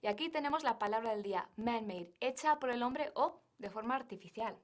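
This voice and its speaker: A woman's voice: on the high side, expressive, fairly quick. A woman teaching an English lesson, drawing out words carefully in pronunciation drills. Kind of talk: language lesson.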